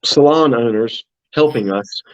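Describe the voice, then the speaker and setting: A man's voice: mid-range voice, measured pace, muffled recording. A middle-aged man talking casually as a guest on a podcast, full of fillers and restarts. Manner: talkative, frequent fillers and restarts. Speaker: brand manager guest.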